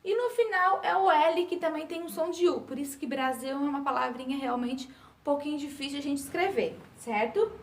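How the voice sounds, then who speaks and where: A woman schoolteacher talks to small children in a high, bright voice, slow and sing-song, stretching her words out. Her voice rings in an echoey small room. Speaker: primary school teacher. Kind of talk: recorded remote lesson for young children.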